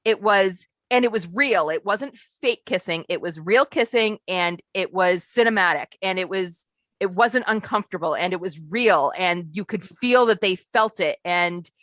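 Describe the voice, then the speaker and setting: A woman's voice: medium pitch, moderate pace, fairly bright tone, no echo. A woman co-hosting a casual film podcast, gushing and rambling with lots of "like". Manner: gushing, rambling, many likes. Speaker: podcast co-host. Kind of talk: casual chat.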